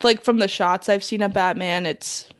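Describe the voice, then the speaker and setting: A woman's voice: mid-range voice, steady tone, normal speed. A young woman co-hosting a podcast, chatting casually in a playful, teasing manner. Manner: playful, teasing, short remarks and laughs. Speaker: podcast co-host. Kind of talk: casual chat.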